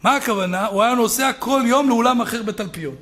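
A man preaching a sermon as a rabbi, telling stories and building up to loud shouted peaks. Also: very high-pitched.

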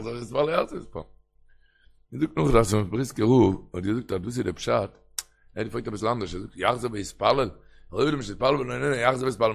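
A man's voice: medium pitch, vocal fry. A man giving a traditional religious lecture in an emphatic manner, often slipping into a sing-song chant. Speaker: religious teacher.

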